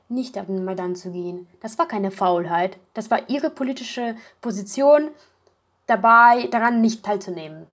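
Hesitant woman in an interview. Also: fairly high pitch. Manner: thoughtful, hesitant with many fillers. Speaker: project member. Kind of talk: casual interview talk.

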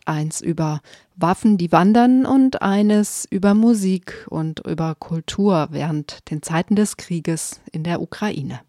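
A woman presenting a radio magazine show in a clear, measured announcing manner from a radio studio. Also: lowish voice, darkish tone, no echo. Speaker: radio host.

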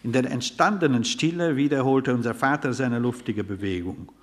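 A man reading a literary story aloud in a measured, wry storytelling manner. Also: medium pitch. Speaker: narrator.

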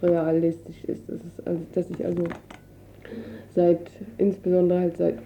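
Heard on a dull, noisy lo-fi radio recording, a woman from a refugee council speaks in an interview with a lowish voice and a completely flat delivery at a moderate pace. Her explanations are spontaneous and colloquial, and she hesitates while searching for words.

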